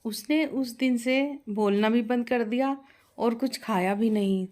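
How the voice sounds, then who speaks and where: A woman's voice: fairly high pitch, unhurried, a little mellow. A woman narrating a scripted story, addressing listeners as friends.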